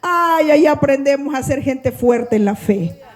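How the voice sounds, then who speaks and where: A woman's voice: high-pitched, lively intonation, unhurried, rough recording. A middle-aged woman preaching a sermon and leading prayer, fervent and speaking straight to her congregation. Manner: fervent, addresses congregation directly, mimics people mid-story.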